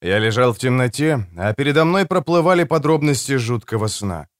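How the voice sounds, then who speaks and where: Man with a lively, dramatic narration. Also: medium pitch, fairly quick, no room sound, studio quality. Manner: dramatic, tense storytelling. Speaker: audiobook narrator. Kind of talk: first-person audiobook narration.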